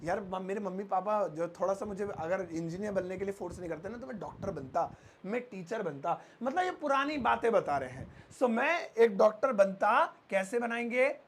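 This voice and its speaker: Casting: high-voiced male tutor, explains grammar with playful everyday examples, slows down to repeat key phrases. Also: lively intonation, a little hiss or hum. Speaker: English teacher. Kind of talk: Hindi-language English grammar lesson.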